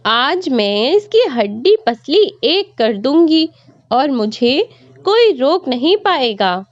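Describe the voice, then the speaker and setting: Woman doing a shrill furious daughter-in-law. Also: big pitch swings, takes it slowly, no room sound, lo-fi sound, full character voice. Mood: angry, accusing. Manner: shouting, scornful. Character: harsh shrill young daughter-in-law, accusing.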